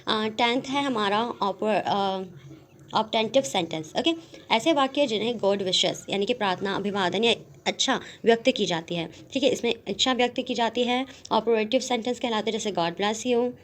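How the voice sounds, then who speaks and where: A woman teaching English grammar in Hindi from slides, explaining each term and then reading out English examples slowly, with frequent "theek hai" and "okay" check-ins. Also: mid-range voice.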